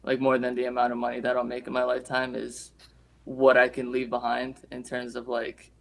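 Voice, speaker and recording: A man from Romania, a guest in a casual interview, talking in a relaxed, reflective way with many pauses and fillers. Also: medium pitch, gravelly, rough recording. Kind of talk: casual conversation.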